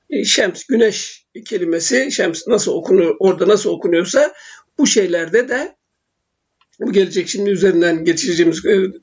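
A man teaching basic Arabic letters in a recorded lesson, speaking slowly and haltingly with frequent filler sounds. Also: high voice, husky. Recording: dull lo-fi recording.

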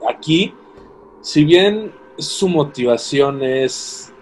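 A man's voice: on the high side, lively intonation, extremely slow, a little hiss or hum, poor audio. A young man with a Mexican accent in casual chat, thoughtful and hesitant, searching for words as he reviews a series. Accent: Mexican Spanish.

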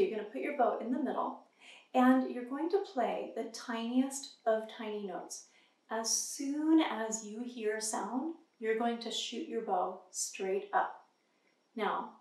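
A woman in her thirties teaching a violin lesson, patient and encouraging, counting beats aloud while she plays. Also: fairly high pitch. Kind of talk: instructional lesson. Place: room with a carved wooden screen, indoors. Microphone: far camera. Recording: roomy, distant mic with violin playing.

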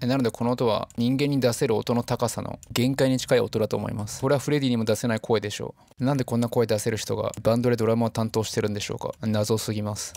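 A man's voice: medium pitch, gravelly, darkish tone, dry recording. A man giving an enthusiastic, chatty music analysis commentary, breaking down chords between piano demos. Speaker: music explainer. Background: piano and song excerpts.

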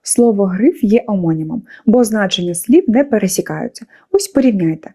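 A woman's voice: mid-range voice, lively intonation, fairly quick, warm tone, breathy edge. A woman teacher narrating a scripted lesson for schoolchildren, explaining patiently and putting questions to her pupils.

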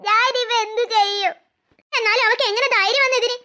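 A woman's voice: extremely high pitch, fairly even intonation, fast talker, pushed and bright. Woman voicing a vain cartoon elder sister. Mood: whiny. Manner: dreamy, self-admiring, then whiny. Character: vain young woman admiring her own beauty. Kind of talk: cartoon story voice acting.

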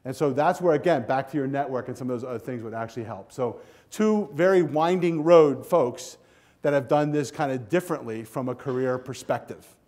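An older man with a medium-pitched voice speaks fairly quickly as he gives a keynote to students in a hotel ballroom, addressing the seated audience energetically and directly through a lapel mic. Animated and lively, he paces the stage with a handheld clicker.

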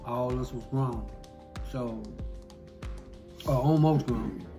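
A man's voice: mid-range voice, takes it slowly, creaky, over music. A middle-aged man chatting casually and giving heartfelt advice in an emphatic, repetitive, preachy way into a desk microphone. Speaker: mukbang host. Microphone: desk microphone close in front.

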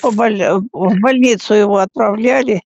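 A frail woman in her eighties chatting casually on a phone call like a great-grandmother, halting and often repeating and stammering over words. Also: medium pitch, a little mellow, a little hiss or hum. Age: 80s. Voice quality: frail, elderly voice. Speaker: great-grandmother talking with younger relative. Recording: dull, muffled phone call recording.

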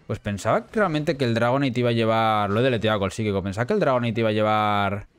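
A young man from Spain giving excitable live gameplay commentary, swinging between low muttering and sudden shouts. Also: fast talker, clean tone. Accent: Spain Spanish. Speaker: gaming YouTuber.

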